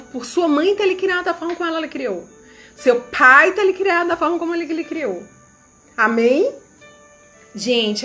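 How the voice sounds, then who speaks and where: A woman's voice: sits high, a bit bright. A woman leading a church youth ministry, preaching an emotional testimony and repeatedly calling out to her listeners. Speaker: youth ministry leader giving a testimony sermon.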